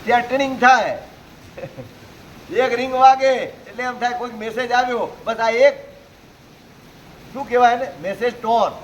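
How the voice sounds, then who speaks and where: Male Jain preacher with a strikingly high voice who lectures a live crowd through pointed rhetorical questions. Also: fairly even intonation, moderate pace, pauses often, dull audio, a little hiss or hum. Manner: rhetorical questions, exhorting listeners. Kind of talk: sermon to a live audience.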